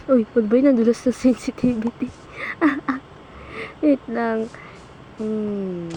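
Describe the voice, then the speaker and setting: A woman's voice: on the high side, darkish tone, a little hiss or hum. A young woman giving casual, panicky gameplay commentary, often shrieking and laughing. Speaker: gaming streamer.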